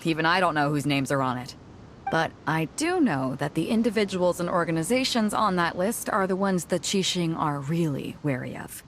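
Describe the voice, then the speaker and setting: An actress voices a confident, worldly pirate captain in video game dialogue, assured and teasing as she explains things, with a confiding, amused mood. Her low voice is animated and at normal speed. Music plays behind her, with a slight hiss or hum.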